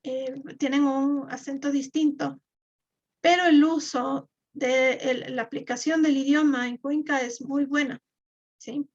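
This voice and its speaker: A woman's voice: sits high, steady tone, measured pace. A woman, teaching a live online class and explaining step by step with fillers and repeated words. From Ecuador. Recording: dull lo-fi.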